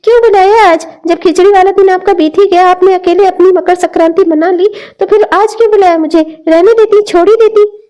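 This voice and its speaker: A woman voicing a quick-tempered middle-aged cartoon mother who argues with her own mother. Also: extremely high pitch, fairly even intonation, dark tone. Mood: indignant. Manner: indignant, arguing. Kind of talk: cartoon dialogue acting.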